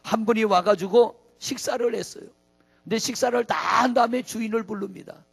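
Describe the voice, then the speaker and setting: A man's voice: high voice, brisk, gravelly, husky. A middle-aged man preaching a sermon as pastor, folksy, asking the congregation questions.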